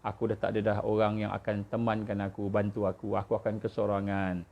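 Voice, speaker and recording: A man voicing a grieving elderly father, speaking low, heavy and mournful, on a dull lo-fi recording. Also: monotone, fairly quick, gravelly. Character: grieving elderly father at his son's deathbed.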